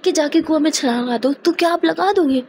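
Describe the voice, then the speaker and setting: A woman's voice: sits high, fairly quick, a little mellow, a little hiss or hum, voice pushed up. A woman voicing a jealous, possessive young girlfriend who makes pouty, teasing threats.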